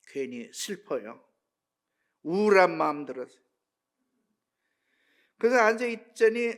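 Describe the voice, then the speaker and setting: An older man, a pastor, preaching a sermon with a personal testimony, telling it with feeling and moving between hushed tones and shouts. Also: a little high. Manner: emotional storytelling, swinging between hushed and shouting.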